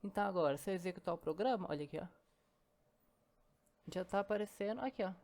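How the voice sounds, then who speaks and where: A programming teacher walks through code quickly in a casual screen-recorded lesson, chatty and step by step, frequently saying "ó" and "né". Her mid-range voice is a little mellow with lively intonation, and keyboard typing can be heard behind her.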